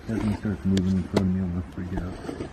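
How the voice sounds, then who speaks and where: A man's voice: sits low, flat delivery, fast talker. Man, casual ghost-hunting sidekick, easygoing slangy delivery, faint background noise. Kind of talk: casual chat. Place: outdoors at night on a bridge.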